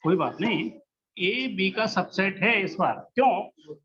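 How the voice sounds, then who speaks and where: High-voiced patient male math teacher. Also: expressive, unhurried, muffled recording, a crowd in the background. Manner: patient, coaxing, checks understanding often. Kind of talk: classroom lesson. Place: classroom.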